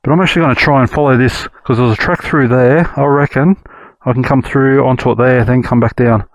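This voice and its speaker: A man with an Australian accent thinking aloud in relaxed slang as he rides rough bush tracks, recorded outdoors on a helmet or action camera mic. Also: medium pitch, fairly quick, dry recording. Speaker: motorcycle vlogger. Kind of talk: casual riding commentary.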